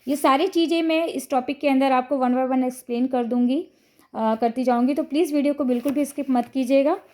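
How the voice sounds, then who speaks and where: ऊँची, मधुर आवाज़ वाली महिला शिक्षिका. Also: female voice, sits high, moderate pace, a little mellow. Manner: patient, step-by-step explaining with frequent "ठीक है" checks. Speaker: teacher explaining phonics to parents. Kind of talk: explanatory lesson to camera.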